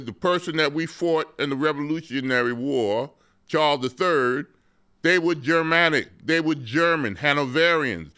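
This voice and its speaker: A man's voice: a little high, bright, forceful tone, smooth. A man hosting an educational talk show, speaking passionately and emphatically, repeating words for stress and often checking in with "okay?". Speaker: host.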